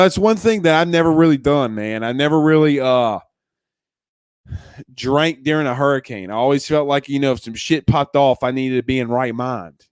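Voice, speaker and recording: On a laid-back live stream, a young man from Louisiana who hosts a sports podcast reads comments aloud, rambling, restarting his sentences, and calling listeners "man" and "bro." The close, dry recording has no room echo and carries his smooth, resonant, somewhat congested mid-pitch voice.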